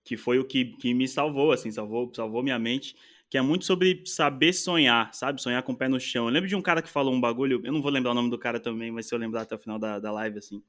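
Fast-talking reflective man. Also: medium pitch, fairly bright tone. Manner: reflective, rambling, lots of slang fillers. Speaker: musician and podcast guest. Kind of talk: casual conversation.

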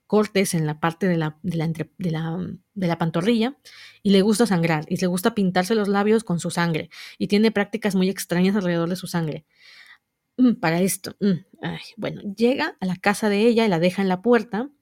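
A woman's voice: on the low side, darkish tone, dry recording, clean studio sound. A woman casually recapping a manga, chatty and explanatory, often checking in with the listener. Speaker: manga reviewer.

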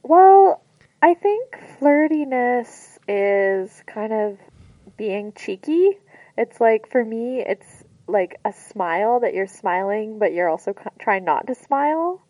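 A woman's voice: a little high, animated, takes it slowly, dry recording. A woman co-hosting a casual radio chat show, thinking aloud and laughing easily. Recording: dull lo-fi sound, dry.

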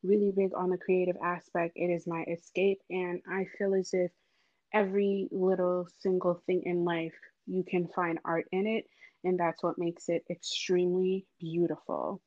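A woman from Haiti, a podcast guest, introducing herself in a casual, earnest way with frequent pauses. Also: lowish voice, flat delivery, no echo, dull audio.

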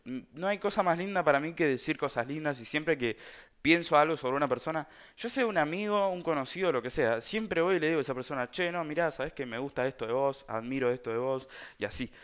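A man's voice: fairly high pitch, lively intonation, fast, fairly bright tone, smooth, lo-fi sound. A man with an Argentine Rioplatense accent telling a personal story in a casual, rambling way, full of slang and fillers. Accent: Argentine Rioplatense Spanish. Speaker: storyteller vlogger.

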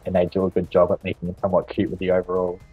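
A man's voice: low voice, monotone, rapid-fire, husky. A man co-hosting a film podcast in casual chat, blunt in his opinions and filling his speech with "like". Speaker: podcast co-host. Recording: dull, dry sound with faint music.

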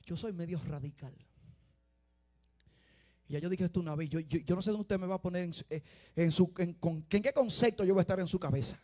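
A man preaching a sermon, dropping to quiet confiding talk and rising to loud shouted exhortation. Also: high voice, brisk.

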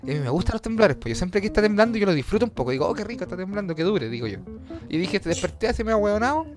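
Fast-talking Chilean man telling a story. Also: high voice, sing-song. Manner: rambling, slang-heavy, swearing, acts out voices. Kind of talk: casual storytelling chat. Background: guitar music.

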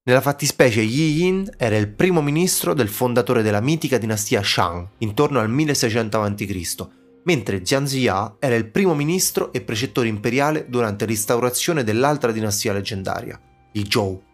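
A man hosting a history podcast, narrating the story calmly with explanatory asides. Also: medium pitch, normal speed. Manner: calm explanatory retelling with asides.

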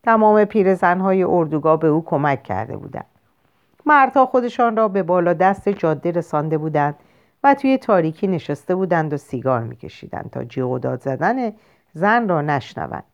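A woman narrating a short story in a measured, expressive audiobook reading. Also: lowish voice. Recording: lo-fi muffled recording.

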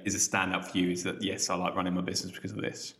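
Deep-voiced male podcast host. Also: completely flat delivery, rapid-fire, fairly bright tone. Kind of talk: casual interview chat.

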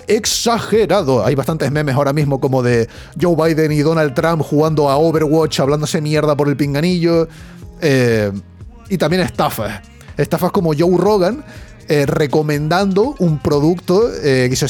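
A young man with a Spain Spanish accent, hosting a podcast in a chatty, slangy, animated way. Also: a little high. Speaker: podcast host. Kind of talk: casual news chat.

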